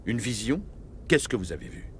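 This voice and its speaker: In video game dialogue, an actor voices a grave, middle-aged military starship captain, speaking urgently with measured authority. The male voice is on the low side, sing-song and a bit bright, with slight background noise.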